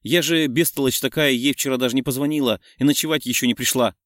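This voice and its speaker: A man's voice: medium pitch, steady tone, fast, fairly bright tone, dry recording, clean studio sound, natural voice. A man voicing a young woman heroine, slightly raised and breathless. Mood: flustered.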